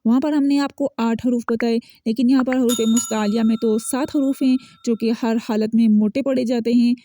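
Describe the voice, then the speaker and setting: A woman teaching Quran recitation online, explaining sounds and slowly repeating example words for her students. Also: on the high side, fairly even intonation, warm tone, slight background noise. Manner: patient, repeats words slowly and drills them. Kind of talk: online lesson, explaining and modeling pronunciation.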